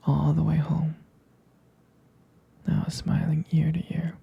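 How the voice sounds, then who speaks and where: A man voices a devoted boyfriend in an intimate ASMR roleplay, tender and wistful, whispering breathily and huskily while hesitating and gently repeating phrases. The slow, completely flat delivery comes in an exaggerated, slightly high voice. The recording sounds muffled.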